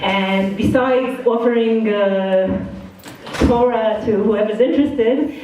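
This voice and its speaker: A middle-aged Israeli woman, whose accent is part Israeli and part Brooklyn, gives an informal talk to students as a guest speaker in an indoor study hall, sounding frank, casual and self-deprecating. Her warm, slightly high voice moves slowly. The recording is muffled, with slight background noise, and comes from far from the mic in a very echoey hall.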